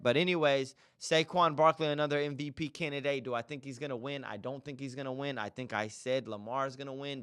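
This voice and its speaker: A young man from the Dallas area, hosting a casual sports podcast in slangy, animated talk aimed straight at his listeners. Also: mid-range voice, clean tone, dry recording, clean studio sound. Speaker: podcast host.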